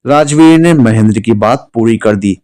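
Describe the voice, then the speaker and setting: A man reading a dramatic story aloud, with an ordinary middle-range voice. He carries all the dialogue himself and lifts his pitch when the women speak or tempers rise. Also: normal speed, darkish tone. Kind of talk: scripted narration with acted dialogue.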